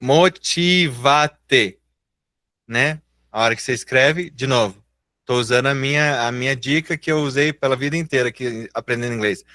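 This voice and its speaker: A Brazilian man teaching English in a live online class. He speaks with a Brazilian Portuguese accent, is patient and encouraging, and draws out example words slowly. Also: mid-range voice, pushed and bright, dry recording, studio quality.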